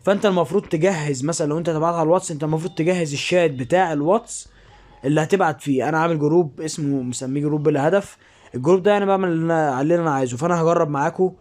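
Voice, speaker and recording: Quick Egyptian man, higher-pitched voice. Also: a little mellow. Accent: Egyptian Arabic. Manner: informal, step-by-step explaining. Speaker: app tutorial presenter. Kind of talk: casual spoken screen-recording tutorial.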